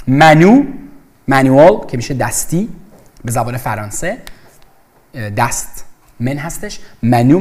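A man teaching English vocabulary in an explanatory lesson, emphatic and repeating words to drill pronunciation. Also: fairly high pitch.

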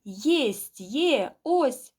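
A woman voicing a rough man on a coal barge who shouts up to the wheelhouse in a storybook reading. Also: sits high, expressive, very slow, voice pushed up, heavily acted. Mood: shouting. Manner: shouting over engine noise.

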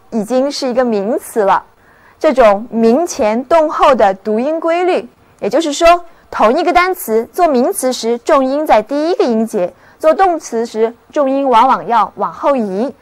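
A woman giving a scripted vocabulary lesson, spelling out English words slowly and carefully. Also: on the high side.

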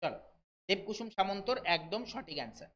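A man from West Bengal teaching a live online exam-prep class, reading English questions out slowly and explaining them briskly while checking in with his students. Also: high voice, very animated, fairly bright tone, slight background noise. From West Bengal, India. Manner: brisk, keeps checking in with listeners.

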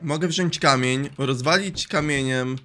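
A man talking through a video game as he plays it, with a bright, forceful voice and an excitable, swearing manner. Faint game music plays behind him. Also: mid-range voice, measured pace. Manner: excitable, swears when surprised. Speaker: gaming streamer. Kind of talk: let's play commentary.

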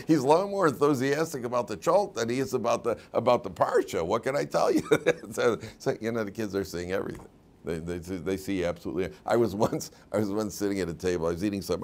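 Speaking at a medium pitch, a rabbi leads an informal weekly Torah class packed with stories. He often repeats words and chuckles at his own anecdotes.

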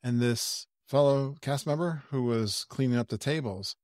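A man's voice: medium pitch, moderate pace, a little mellow, no echo, studio quality. A man hosting a podcast in a casual, chatty way. He laughs often and calls himself blunt. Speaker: podcast host. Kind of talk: casual chat.

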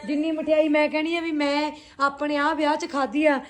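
Chatty high-voiced Punjabi woman vlogging. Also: flat delivery, moderate pace. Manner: chatty, addresses viewers and companions familiarly. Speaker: vlogger and boutique owner. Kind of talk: casual vlog chat.

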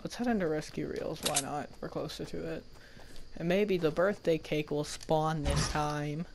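A man's voice: on the high side, fairly even intonation, normal speed, vocal fry, heavy background noise. A young man giving casual gameplay commentary, grumbling and slangy as he plays. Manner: frustrated, slangy, mumbling to himself. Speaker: gamer.

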